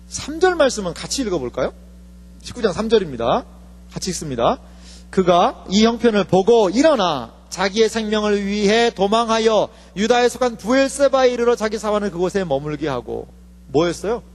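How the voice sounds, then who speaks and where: A male pastor preaching a sermon, animated and often putting questions to the congregation. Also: high-pitched. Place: church hall. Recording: reverberant hall with faint mains hum.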